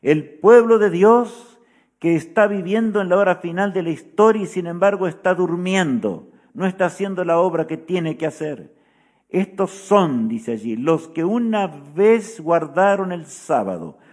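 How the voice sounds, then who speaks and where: A man's voice: high-pitched, lively intonation, a little slow, darkish tone. A man preaching a sermon in a solemn teaching tone, often asking his listeners "¿verdad?" as he goes.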